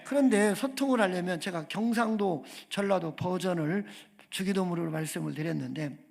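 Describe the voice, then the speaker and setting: A man's voice: high-pitched, vocal fry. A man preaching a sermon as a guest pastor in a church, emphatic, calling for amens and putting questions to the congregation. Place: church sanctuary.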